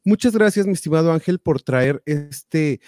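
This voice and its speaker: A man hosting a live talk show, reading out viewer comments with animated, exclamatory reactions. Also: fairly high pitch, normal speed, no echo, studio quality. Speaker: show host.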